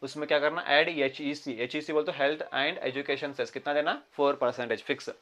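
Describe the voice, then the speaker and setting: A man with a Kannada-region Indian English accent teaches commerce in a fairly high voice. He keeps asking his class questions and repeating key terms, slowing down whenever he reads a problem aloud in English. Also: fairly even intonation, fairly bright tone. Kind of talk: classroom lecture.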